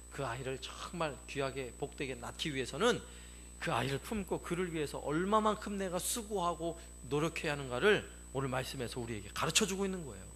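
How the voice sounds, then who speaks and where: High, bright-voiced Korean pastor preaching. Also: male voice, slight background noise. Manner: emphatic, repeats key phrases and questions the congregation. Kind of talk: sermon.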